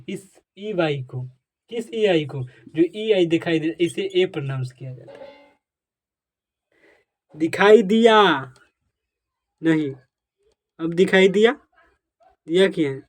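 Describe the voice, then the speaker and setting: This Hindi lesson on English pronunciation comes from a high-voiced teacher whose tone is a bit mellow. He quizzes the audience and supplies the answers, reinforces points by repetition, and urges his dear friends to write in the comments.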